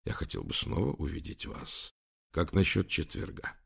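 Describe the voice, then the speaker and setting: A man doing a calm, assured prince. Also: deep voice, moderate pace, vocal fry. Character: confident charming male prince, suitor.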